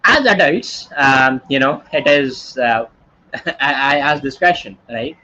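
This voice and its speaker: A man's voice: medium pitch, lively intonation, slow pace, bright, forceful tone, highs cut off, slight background noise. A man in his twenties with an Indian English accent, teaching an online workshop in a chatty, storytelling way full of tag questions like "right?" and "okay?". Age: 20s. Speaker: workshop instructor.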